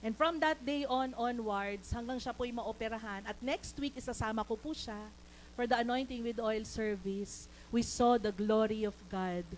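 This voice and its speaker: A woman's voice: fairly high pitch, moderate pace, a little hiss or hum, rough recording. A woman with a Filipino accent preaching a sermon in church, mixing English into her talk and calling for amens. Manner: mixes English into Tagalog, calls for amens. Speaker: lay preacher.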